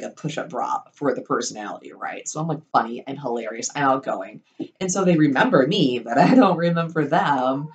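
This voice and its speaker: A young woman in a casual storytelling vlog, rambling with lots of ums and likes, swearing freely and wryly. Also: sits low. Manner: rambling, full of ums and likes, profane and wry.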